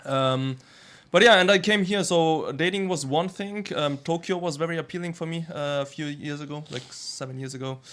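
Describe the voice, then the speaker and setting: A man's voice: a little high, moderate pace, hardly any pauses, a bit bright. A man in his thirties who grew up in Austria, a dating coach talking frankly as a panel guest. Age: 30s. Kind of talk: casual panel chat.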